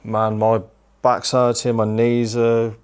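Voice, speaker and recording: A man's voice: mid-range voice, completely flat delivery, slow pace, clean tone, no room sound. A young man chatting casually on a travel vlog, tired from a long drive. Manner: chatty, tired, self-deprecating. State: worn out from driving. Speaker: game collecting vlogger.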